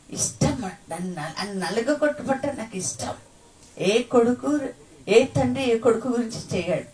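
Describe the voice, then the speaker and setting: A woman's voice: a little high, darkish tone, distant mic, low-quality recording. A woman preaching a sermon, exhorting the congregation with call-and-response hallelujahs and then leading them in prayer.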